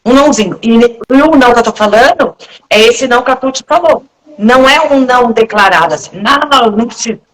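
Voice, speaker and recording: She is a Brazilian woman chatting with friends in a live talk. Her voice sits a little high, and she speaks bluntly and frankly, slipping into voices to act out what other people said. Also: expressive, a little fast, low-quality recording. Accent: Brazilian Portuguese. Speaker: guest in a live group talk. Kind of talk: casual conversational talk.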